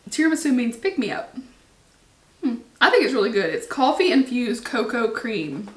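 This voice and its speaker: Bubbly high-voiced woman. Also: very animated, moderate pace, echoey room. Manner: bubbly, giggly, enthusiastic. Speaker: host. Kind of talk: casual taste-test chat.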